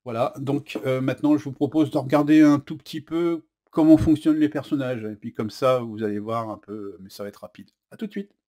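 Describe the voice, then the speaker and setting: French-accented man, casual board game demo host, chatty, halting delivery with lots of fillers, mid-pitched. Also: dark tone. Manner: chatty, says "hop" as he flips cards; hesitant, many fillers. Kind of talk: casual unboxing and rules demo.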